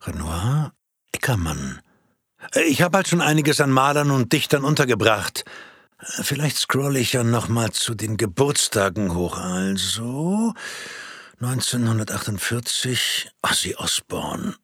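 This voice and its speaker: A man reading his own story aloud in a playful, expressive way. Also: mid-range voice, a little slow, breathy edge, dry recording, clean studio sound. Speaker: narrator.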